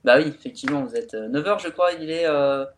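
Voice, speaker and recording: A man from northern France, a fitness coach, presenting himself in relaxed, chatty webinar talk with many fillers. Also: fairly high pitch, fast, crowd noise.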